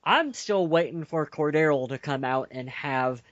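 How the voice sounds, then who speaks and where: A man co-hosting a sports podcast keeps the chat casual, rambling, joking, and correcting himself as he goes. His voice is a little high, expressive, and fairly bright, at a measured pace. There's no room sound, and the podcast audio is dull and lo-fi.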